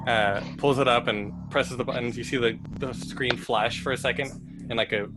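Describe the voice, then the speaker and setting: A man's voice: mid-range voice, steady tone, moderate pace, over music, low-quality recording. A young man narrating a tabletop game as game master, casual and hesitant with many fillers.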